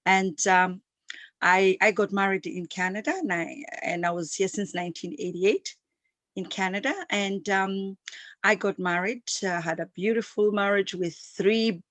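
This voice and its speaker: A woman's voice: mid-range voice, steady tone, unhurried, a bit bright, dry recording. A woman in her fifties who grew up in East Africa speaks as an interview guest with passion, driving each point home by repeating it. Her voice sits in a middle register. The recording is dry and close, with no room sound. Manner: emphatic and repetitive, speaks with passion. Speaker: guest entrepreneur. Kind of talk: interview, enthusiastic storytelling.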